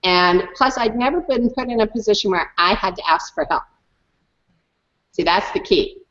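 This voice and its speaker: A woman's voice: medium pitch, moderate pace, highs cut off. Woman telling an emphatic personal story. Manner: emphatic, animated storyteller, repeats words. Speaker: guest. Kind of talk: personal story in an online hangout.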